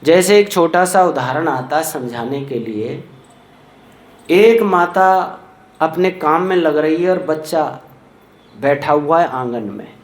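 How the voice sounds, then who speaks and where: A man giving a Vedic sermon as a swami, chanting Sanskrit verses slowly and then explaining them, telling stories with acted quotes. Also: on the high side, expressive. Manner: storytelling with acted quotes of a mother. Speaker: swami preacher. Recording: echoey room.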